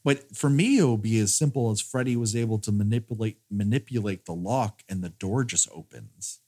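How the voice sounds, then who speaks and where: A man hosting a podcast, discussing films casually in a halting, stammering way. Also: fairly low pitch, a little mellow. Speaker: podcast host.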